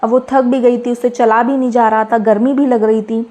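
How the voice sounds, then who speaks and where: A woman's voice: a little high, little pitch movement, fairly quick, dark tone. A woman teacher reading a children's story aloud and retelling each line in simpler words, checking in with questions.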